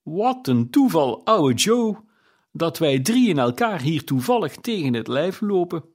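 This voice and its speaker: A man's voice: fairly high pitch, big pitch swings, measured pace, darkish tone, pitched above the performer's own voice. A man voicing a brash, scheming charwoman who talks in a bold, challenging way in an audiobook. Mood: brazen. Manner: brazen, challenging. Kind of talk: audiobook character reading.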